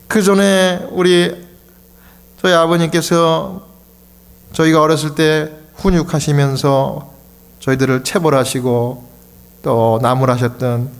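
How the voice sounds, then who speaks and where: A middle-aged pastor from Korea preaches in a church. His fairly high voice rises with emotion as he tells a story. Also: little pitch movement, slow, pauses often, smooth. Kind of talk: sermon.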